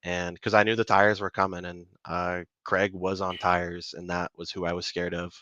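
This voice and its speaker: A low-voiced man talks through his race in a laid-back, self-deprecating way, letting his sentences trail off. His tone is bright and edgy. The call audio is dry and muffled. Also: level tone, normal speed, no room sound. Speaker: race driver guest. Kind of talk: post-race interview.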